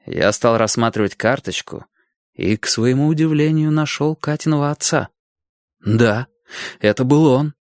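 A man's voice: mid-range voice, normal speed, no echo, studio quality. A man narrating a story in the first person, reading expressively as an audiobook narrator. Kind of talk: scripted narration.

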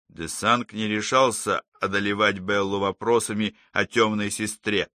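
A man reading a novel aloud as a narrator, in a measured, even way. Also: fairly low pitch, no room sound, clean studio sound. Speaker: audiobook narrator. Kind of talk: scripted narration.

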